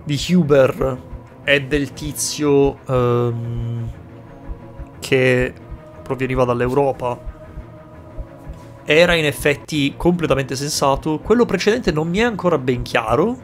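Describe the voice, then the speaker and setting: A man commentating his game playthrough, exclaiming and swearing freely and weighing choices out loud. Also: mid-range voice, slow, long pauses, faint music behind. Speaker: gaming streamer. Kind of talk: excited let's-play commentary.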